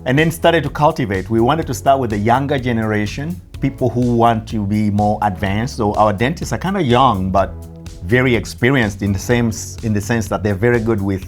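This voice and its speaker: A man from Tanzania, an oral surgeon, talking casually in an interview at his dental office with a lapel mic, pausing and slowing on words. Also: mid-range voice, soft background music. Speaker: guest dentist, oral surgeon.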